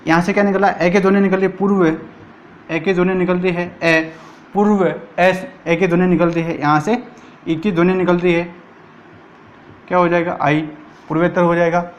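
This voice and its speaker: A man's voice: sits high, little pitch movement, moderate pace, pauses often, lo-fi sound. A man teaching a grammar lesson for exam prep, asking and answering his own questions.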